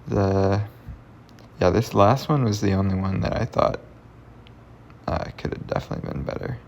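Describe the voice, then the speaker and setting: A man's voice: sits low, steady tone, normal speed, creaky, muffled recording, a little hiss or hum. A man hosting a puzzle channel, giving casual commentary as he solves puzzles, thinking aloud and often muttering under his breath. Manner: thinks aloud, mutters and half-whispers while working things out.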